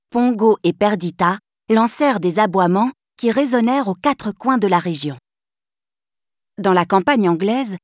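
A woman narrating a children's storybook in a clear, gently expressive reading. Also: mid-range voice, no room sound, clean studio sound.

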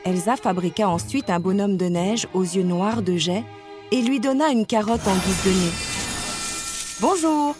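A woman narrating a children's storybook at a calm, measured pace. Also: medium pitch, over music. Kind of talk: storybook read-aloud.

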